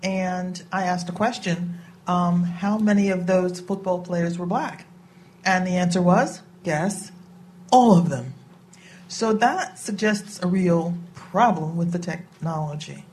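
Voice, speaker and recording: A woman committee member making deliberate, emphatic remarks at a hearing. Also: lowish voice, a little mellow, distant mic, slight background noise.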